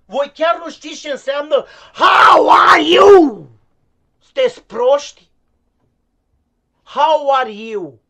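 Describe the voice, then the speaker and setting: A man's voice: high-pitched, expressive. A man playing a clueless, impatient male English teacher who curses, scolds and stumbles over his words, in a comic live-stream sketch. He sounds like an everyday voice. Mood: exasperated.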